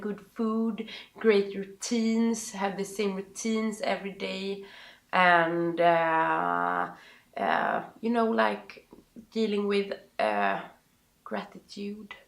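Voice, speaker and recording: A woman with a Swedish accent, a native Swedish speaker, gives personal advice as an interview guest, haltingly searching for words. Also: medium pitch, creaky, fairly bright tone. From Sweden. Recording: roomy, echoing sound.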